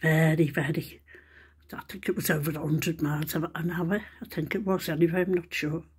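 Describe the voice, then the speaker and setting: This amateur vlogger, a Liverpool-accented man with a fairly high, husky voice, offers downcast, resigned commentary on his video in a casual way, keeping a level tone at normal speed. The sound is dry, an amateur recording with noise in the background.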